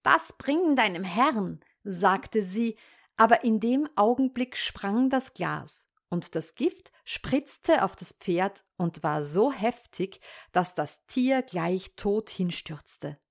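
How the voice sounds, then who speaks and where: A woman storyteller reading an old fairy tale aloud. She takes her time, very slow and deliberate, with a mid-range voice. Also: medium pitch. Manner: calm, measured narration.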